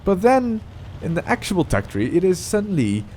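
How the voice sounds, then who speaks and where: A man's voice: high-pitched, very animated, normal speed, a little mellow, slight background noise. Rambling, self-correcting male gameplay commentator. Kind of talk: casual commentary over gameplay.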